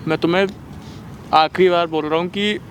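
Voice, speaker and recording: Upset young man, high voice, faint traffic. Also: steady tone, normal speed. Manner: upset, emotional, raising his voice. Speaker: guest telling his story. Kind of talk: staged street confrontation.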